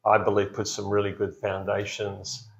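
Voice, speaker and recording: Speaking at a moderate pace, this man has a creaky voice on the low side and a completely flat delivery. He's a middle-aged pastor from the Blue Mountains, New South Wales, Australia, chatting casually and hesitantly in an interview with frequent fillers, restarts, and easy laughs. The room is echoey, dull, and lo-fi.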